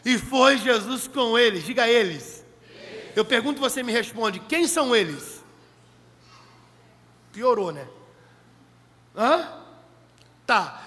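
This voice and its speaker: A man's voice: extremely high pitch, expressive, slow pace, pauses often, a bit bright. A man preaching a sermon in a church meeting hall, emphatic and repeating key phrases to the congregation. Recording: long echoey hall reverb.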